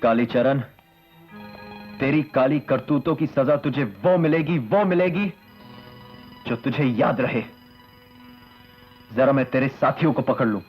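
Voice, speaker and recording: An actor playing a stern, righteous police inspector in a 1980s Hindi film, with a forceful, declamatory delivery. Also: male voice, medium pitch, a little slow, pauses often, lightly acted. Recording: dull old film soundtrack with music.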